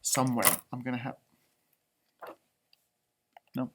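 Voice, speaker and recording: This storybook reader has a medium-pitched voice and a slow pace, with a noisy background behind him. He reads a children's story aloud, breaking off for animated, chatty, improvised remarks about the pictures.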